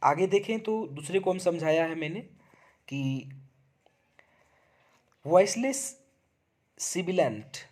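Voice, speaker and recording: A young adult man teaching a lesson, reading English lines slowly and then explaining each one, asking and answering his own questions. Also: high voice, animated, darkish tone. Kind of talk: bilingual lecture explaining a text.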